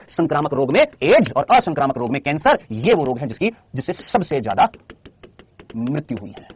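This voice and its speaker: Animated, rapid-fire male teacher. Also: a little high, dry recording. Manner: chatty, teasing, addresses students as brother and child. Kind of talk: live online class lecture.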